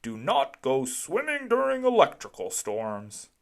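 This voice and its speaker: A performer voicing an earnest police officer from a children's storybook, with an emphatic, deliberate delivery. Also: mid-range voice, huge pitch swings. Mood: emphatic, instructive. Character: earnest police officer reciting safety tips.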